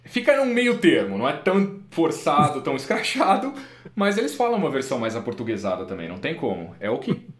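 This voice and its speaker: Lively Brazilian man, echoey room. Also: fairly high pitch, brisk. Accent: Brazilian Portuguese. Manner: animated, laughs often, emphatic. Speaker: podcast co-host and interpreter. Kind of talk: casual podcast chat.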